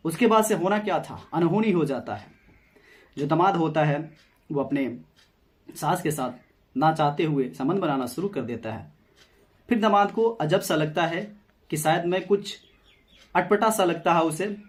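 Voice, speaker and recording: A man narrating a true crime story in a casual, conversational way, repeating phrases and addressing the viewers as friends. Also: on the high side. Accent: Hindi.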